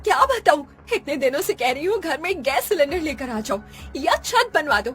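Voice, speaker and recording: An overworked young daughter-in-law complains with sharp indignation, and her high voice swings widely. It sounds like a kids' cartoon with light music underneath. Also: big pitch swings, normal speed. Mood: angry. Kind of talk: animated cartoon voice acting.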